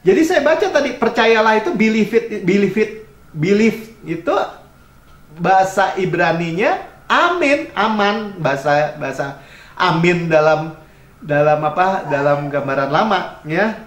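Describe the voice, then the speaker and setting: A man's voice: sits high, animated, unhurried, a bit bright, echoey room. A man preaching a sermon as pastor, conversational and chuckling, slipping English phrases into his talk. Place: church.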